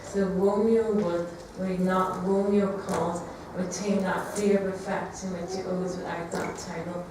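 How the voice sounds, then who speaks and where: Young tragic heroine , female actor, lovestruck, declamatory classical stage verse, heard far from the mic in a booming echo. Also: level tone, unhurried, few pauses, lightly acted. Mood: yearning. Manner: declamatory, romantic. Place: theatre stage, recorded from afar. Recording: distant echoey hall, clear background noise.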